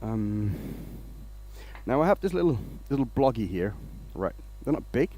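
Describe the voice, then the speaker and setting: A man's voice: mid-range voice, sing-song, measured pace, mellow. A man from Denmark, hosting a casual woodturning livestream, rambling along and greeting viewers by name.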